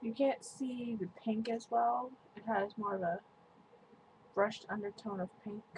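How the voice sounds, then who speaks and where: Talking through a casual makeup review, a beauty vlogger speaks in a slightly high, steady voice, slow, chatty, and meandering with plenty of "like." Faint room noise comes through her webcam mic.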